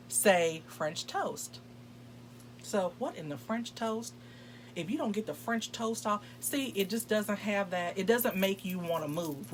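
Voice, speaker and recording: A woman co-hosting a podcast, telling a comic story in a brash, profane, animated way. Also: mid-range voice, a little hiss or hum. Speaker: podcast co-host. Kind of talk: casual comedic storytelling.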